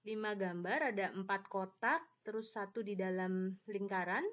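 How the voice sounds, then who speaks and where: A woman's voice: medium pitch, moderate pace, fairly bright tone. A woman teacher, patiently explaining a lesson to children step by step. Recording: slightly dull lo-fi audio.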